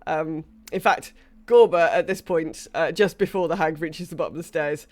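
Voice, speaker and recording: A woman's voice: low-pitched, moderate pace, a little mellow. A woman game master casually narrating a tabletop game, thinking aloud in a hesitant manner.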